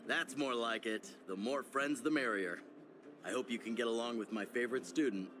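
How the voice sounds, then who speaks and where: A man playing an easygoing, jovial older mentor in a video game, relaxed and teasing. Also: medium pitch, normal speed, noisy background, close to an everyday voice. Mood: jovial, encouraging. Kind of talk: video game character acting.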